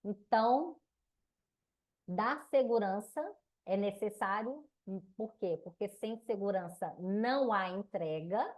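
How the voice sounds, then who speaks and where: A woman's voice: mid-range voice, slow pace, darkish tone. Brazilian woman teaching a relationship class. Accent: Brazilian Portuguese. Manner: didactic, asks and answers her own questions. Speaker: relationship mentor. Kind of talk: mentoring class lecture.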